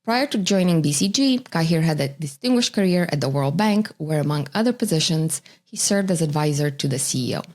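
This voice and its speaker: A woman hosting a podcast, reading a measured introduction and asking questions. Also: sits low, animated, a little mellow. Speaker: podcast host. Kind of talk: scripted introduction and interview questions.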